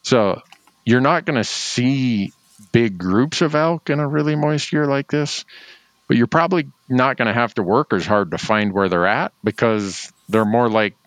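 A man's voice: medium pitch, normal speed, no echo. A man talking casually as a host about the outdoors, explaining things in a folksy, conversational way. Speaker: host of a hunting talk show.

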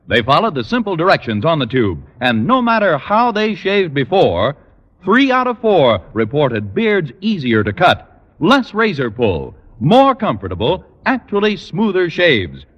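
A man announcing on an old broadcast disc in a polished 1950s radio style, with an emphatic sales pitch. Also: wildly swooping pitch, unhurried, fairly bright tone, slightly rough, muffled recording. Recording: old broadcast disc, reverberant, music behind.

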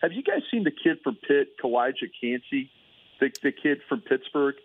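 A man's voice: mid-range voice, very animated, normal speed, breathy edge. A man calling in as a guest analyst, rambling in casual chat with lots of fillers. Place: calling in remotely. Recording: tinny phone line.

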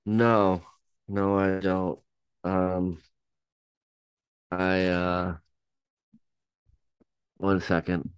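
Very deep, smooth-voiced man. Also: little pitch movement, no echo. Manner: hesitant, halting, many ums and restarts. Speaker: podcast co-host. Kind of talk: casual chat reacting to songs.

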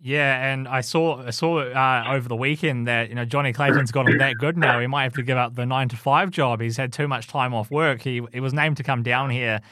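A man hosts a relaxed sports radio show. He chats conversationally and runs through statistics. His voice sounds dry and close. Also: medium pitch, fairly quick, hardly any pauses, no echo. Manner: conversational, reads out stats. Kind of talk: casual sports radio chat.

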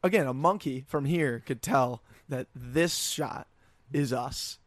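A man co-hosting a podcast, talking slowly and casually. The sound is dry and close, with no room echo. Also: mid-range voice. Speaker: podcast co-host. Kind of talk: casual chat.

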